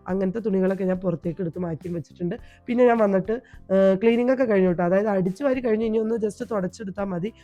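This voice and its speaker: A woman vlogger with a Malayali accent, hoarse from a cold, chatting homely in a voice-over about her day. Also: medium pitch. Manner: chatty, homely, tags sentences with a soft "ട്ടോ". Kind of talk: home vlog voice-over. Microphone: voice-over recorded at home.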